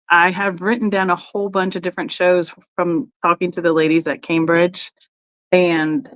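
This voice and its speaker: A woman's voice: on the low side, a bit bright, highs cut off. A woman hosting a casual live-stream sale, rambling through her trip and greeting viewers by name.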